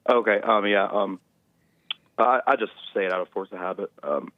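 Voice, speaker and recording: Over a thin-sounding phone connection, a young adult caller phones in to a talk show, speaking at a moderate pace in a fairly low voice. He keeps stumbling, restarting sentences and leaning heavily on fillers.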